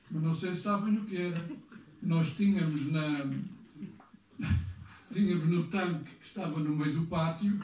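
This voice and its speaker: A man's voice: a little high, darkish tone, a little hiss or hum. Older man rambling in an echoey hall. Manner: rambling, halting with restarts. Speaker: former museum director giving a tribute speech. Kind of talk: anecdotal speech at a gathering. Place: hall of a cultural society. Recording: echoey room, mic far off.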